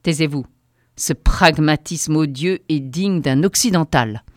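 Woman doing a huge angry boss man, yells slow and mean, lowish dry voice. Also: no room sound. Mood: furious. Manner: slow, bellowing, contemptuous. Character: furious obese male company vice-president.

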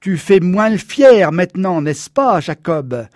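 A man narrating an audiobook, voicing a menacing, middle-aged mob leader who speaks loudly and sneeringly. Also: high voice, lively intonation, normal speed, dry recording, clean studio sound, voice pushed up. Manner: loud, sneering and insistent.

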